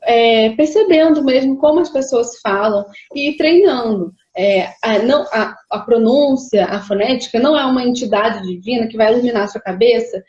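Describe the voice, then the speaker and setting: Woman, higher voice, patient explainer; echoey, dull lo-fi audio. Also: normal speed, few pauses, darkish tone. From Rio de Janeiro, Brazil. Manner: explains patiently, many hesitations. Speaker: linguist guest. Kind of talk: explanatory conversation.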